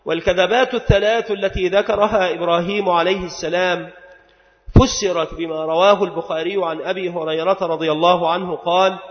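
A man preaching a sermon in a measured, emphatic recitation. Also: high-pitched, steady tone. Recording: echoey hall, dull lo-fi sound.

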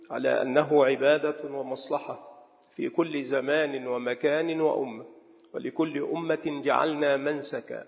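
A man delivering a sermon in a measured, dictating manner, slowly repeating words as if for note-taking. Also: mid-range voice, gravelly. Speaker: preacher. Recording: dull echoing hall sound.

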